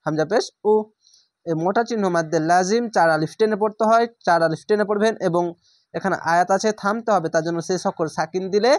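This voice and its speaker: Teacher, man, high voice, dry close sound; spells letters, then chants each word slowly. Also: no echo. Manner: slow drawn-out chanted recitation between plain explanations. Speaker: Quran recitation teacher. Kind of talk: spelling out and reciting Arabic verses letter by letter.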